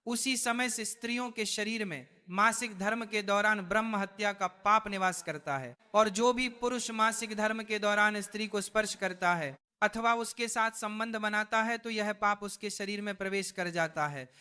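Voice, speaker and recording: A man narrating a devotional story in a formal, even scripted style. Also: high-pitched, moderate pace, hardly any pauses, smooth.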